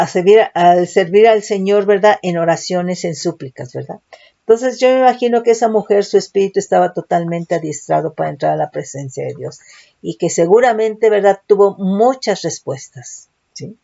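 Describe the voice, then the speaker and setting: Woman teaching scripture, mellow lo-fi voice. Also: mid-range voice. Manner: reads scripture, adds frequent "¿verdad?" checks. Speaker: Bible teacher. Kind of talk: Bible study teaching.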